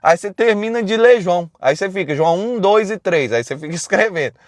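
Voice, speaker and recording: Man, high-pitched voice, loud blunt live-stream preaching, dry close sound. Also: animated, fast, no echo. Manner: loud and blunt, talks straight to viewers.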